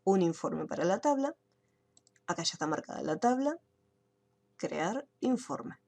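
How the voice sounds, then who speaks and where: A woman's voice: mid-range voice, big pitch swings, unhurried, darkish tone. A woman teaching an online computer class, explaining each step and checking in with her students. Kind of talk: screen-share software tutorial.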